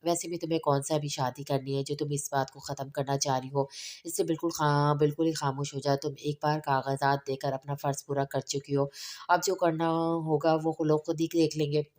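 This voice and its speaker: Brief: a woman reading as a persuasive young friend, low and mellow voice. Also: level tone, brisk, natural voice. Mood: coaxing. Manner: persuasive, advising.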